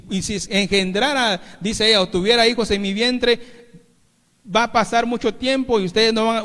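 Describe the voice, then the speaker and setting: A man with a Mexican Spanish accent preaching a sermon, calling the congregation "brothers" again and again and swinging between loud and soft. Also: high voice. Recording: long reverb of a church hall.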